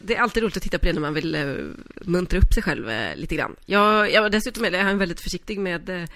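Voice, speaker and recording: A podcast co-host in casual chat, telling stories in an animated, rambling way full of fillers. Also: medium pitch.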